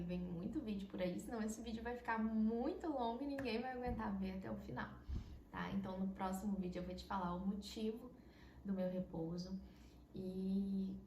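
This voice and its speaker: A young woman from Brazil tells a heartfelt personal story to her camera, sincere and chatty, often checking in with her listeners. Her voice sits at a middling pitch and echoes around a bare room, with a faint hiss behind it. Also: mellow. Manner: earnest, heartfelt, many tag questions. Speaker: vlogger.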